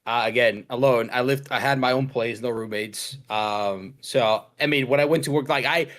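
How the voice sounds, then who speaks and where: Talking over a video call as a podcast guest, a young Mexican man keeps the conversation casual and relaxed, wandering along with many fillers and restarts. He has a medium-pitched, slightly bright voice and a moderate pace.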